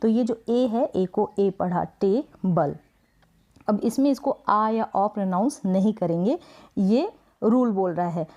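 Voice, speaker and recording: Woman teacher, warm low-key tone, patient and repetitive, stretches words out slowly. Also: lively intonation. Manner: patient, repetitive, asks and answers own questions; drawn-out word sounding. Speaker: English spelling teacher. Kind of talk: Hindi-language spelling lesson.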